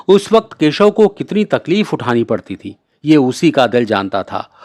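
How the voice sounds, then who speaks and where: A man narrating a classic short story in a measured, clear reading voice. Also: mid-range voice, no echo, clean studio sound.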